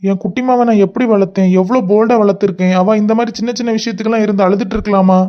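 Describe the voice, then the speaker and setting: A soft-spoken young man in a cartoon, voiced by a performer coaxes and pleads in a mid-pitched voice with a Kanyakumari Tamil accent. The audio is a little dull and lo-fi. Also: steady tone, very fast, close to an everyday voice. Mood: soothing. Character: gentle young man, apologetic husband and caring brother. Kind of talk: cartoon voice acting.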